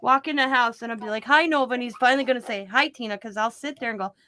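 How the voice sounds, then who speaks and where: A woman chatting casually on a livestream, telling little stories in a lively way. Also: a little high, very fast. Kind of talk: casual live chat.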